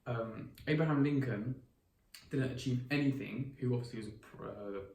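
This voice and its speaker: Chatting casually as a podcast co-host, a twenty-year-old man rambles, restarting often and using plenty of fillers. He speaks at a moderate pace with a medium pitch and a darkish tone. The echoey room, far-off mic, and faint ambience shape the sound.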